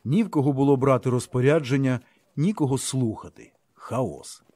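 A man narrating a literary audiobook in a measured, expressive way. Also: mid-range voice, breathy edge, dry recording.

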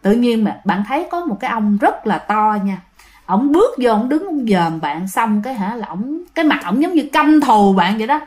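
A woman's voice: on the high side, very animated, moderate pace, darkish tone. A woman with a Southern Vietnamese accent casually telling a ghost story, chatting straight to her listeners with lots of fillers. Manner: chatty, addresses listeners directly, many fillers.

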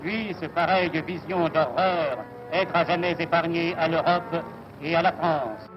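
A man's voice: fairly high pitch, a little slow. A man narrating an old wartime newsreel in a formal, emphatic declaiming manner. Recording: dull lo-fi archive film sound with loud music. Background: loud music.

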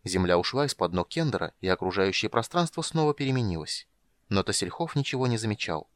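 A man with a low voice reads fantasy narration in an even, steady manner. The recording is close and dry, with no room sound around it. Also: fast talker, no echo. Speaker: audiobook narrator.

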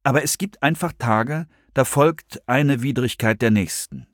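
A man narrating an audiobook in expressive, scripted storytelling. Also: medium pitch, a little slow, no room sound, studio quality.

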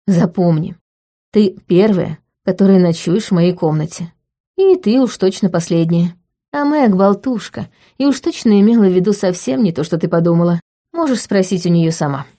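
Brief: woman reading a cocky, calm young male lead, mellow tone, audiobook. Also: on the low side, moderate pace. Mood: teasing. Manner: calm, teasing, sure of himself. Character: confident teasing young man, a brooding group leader. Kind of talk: audiobook character voice.

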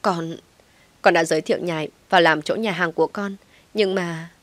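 A woman's voice: fairly low pitch, fairly even intonation, normal speed, no echo, close to an everyday voice. A woman voicing a guilt-ridden young woman who pleads through sobs, in a storybook reading. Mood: pleading. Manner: pleading, sobbing.

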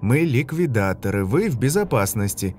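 A man voicing a male field medic technician who speaks in a steady, reassuring way. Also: medium pitch, moderate pace, faint music behind, lightly acted.

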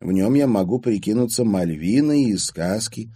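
A man's voice: lowish voice, expressive, normal speed, dark tone, breathy edge, no room sound, studio quality. A man voicing a flighty, scheming teenage schoolgirl in an audiobook, chirpy and wheedling.

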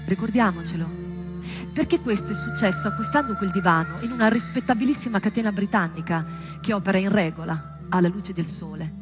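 A stage performer, a woman with a mid-range voice, delivers a theatrical monologue in a dramatic, deliberate, and emphatic way.

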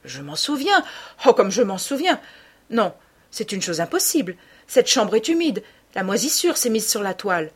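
A woman's voice: medium pitch, very animated, moderate pace, slightly rough, pitched above the performer's own voice. A woman reading an audiobook voices a distraught middle-aged male painter, speaking in an anguished, emphatic way.

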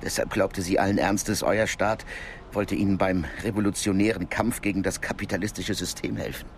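Speaking low, a male actor portrays a calm, well-informed Cold War intelligence contact in a naturalistic German radio drama. He explains in a measured, matter-of-fact manner, grave and explanatory, against slight background noise.

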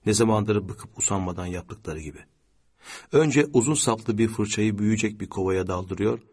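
A man narrating a literary audiobook in a measured, steady way, with a husky voice. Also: low-pitched.

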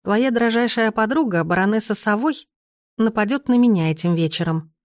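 A woman's voice: mid-range voice, normal speed, no room sound, clean studio sound, voice pushed up, lightly acted. A woman voicing a young noble lady, gloomy and reluctant, with a pleading tone.

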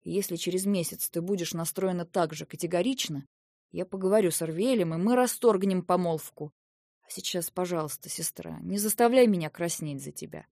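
A woman's voice: on the low side, fairly quick, gravelly, darkish tone, dry recording, studio quality. A woman reading the lines of a young prince who firmly reasons with and pleads with his sister in an audiobook. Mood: soothing. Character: young male prince, weary stern older brother.

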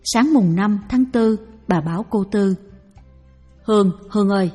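A woman narrates a devotional story in a calm, measured way. Her voice is mellow and slightly breathy. It rings with a long reverb over faint music. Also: medium pitch. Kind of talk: scripted narration of a Buddhist testimony.

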